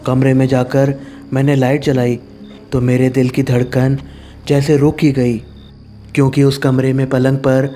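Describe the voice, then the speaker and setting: A man's voice: medium pitch, mellow. A man narrating a first-person horror story, telling it in a tearful, anguished way.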